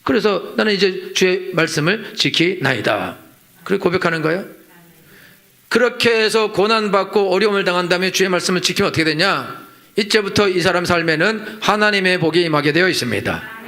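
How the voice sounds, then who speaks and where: A middle-aged male pastor delivers a sermon in a high, bright voice with a gravelly edge. He drives his points home through repetition and rhetorical questions. The sound is that of a church sanctuary. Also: animated, a little fast. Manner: emphatic, rhetorical, repeats lines and acts out complaining voices. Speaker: senior pastor.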